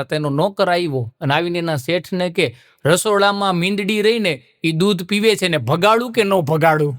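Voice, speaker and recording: A man's voice: high voice, fairly bright tone, no room sound, studio quality. A man from telling stand-up jokes, laughing as he tells them and breaking into bits of old songs. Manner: laughing storyteller who sings snatches of old songs. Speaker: stand-up comedian.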